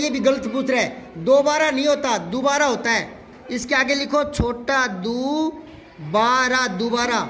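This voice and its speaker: High-voiced, slow teacher. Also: male voice, fairly bright tone. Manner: drills answers, repeating words and asking the class. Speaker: Hindi teacher. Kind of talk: classroom grammar lesson. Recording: faint crowd and room noise.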